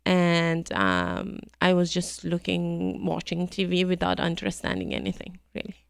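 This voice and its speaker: A middle-aged Iranian woman, a guest in a conversational interview, talks through her memories hesitantly, with lots of ums and easy laughter. Her low, gravelly voice stays smooth and clear, and her pace is a little slow. The recording is close and dry.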